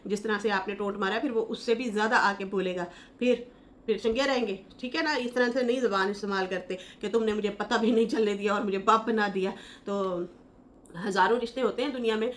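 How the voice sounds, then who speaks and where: A woman's voice: mid-range voice, steady tone, quick pace, slight background noise. A woman giving casual commentary, reading viewer comments aloud in a chatty, scolding manner and laughing as she mocks. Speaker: YouTube commentator.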